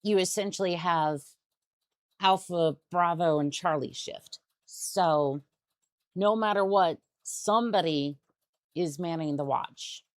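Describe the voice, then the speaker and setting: Slow-talking woman streamer, low voice. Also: no echo, studio quality. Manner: rambling, restarts sentences. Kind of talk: casual gaming stream chat.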